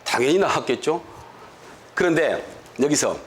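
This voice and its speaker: Animated man giving a motivational lecture. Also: on the high side, normal speed, a little hiss or hum. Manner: animated storytelling with rhetorical questions; acts out dialect quarrels in quoted voices. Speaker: lecturer to business distributors.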